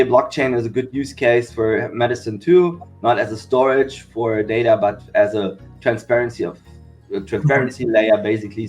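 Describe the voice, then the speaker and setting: A man from Germany, a company founder, explaining his work steadily in a podcast interview. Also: on the low side. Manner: steady explanatory, repeats "we said okay".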